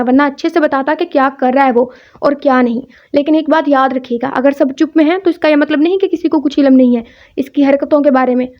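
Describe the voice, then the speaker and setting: A woman reading a romance novel aloud, narrating and speaking every character's lines in her own voice. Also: high voice. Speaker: audiobook narrator. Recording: dull lo-fi recording.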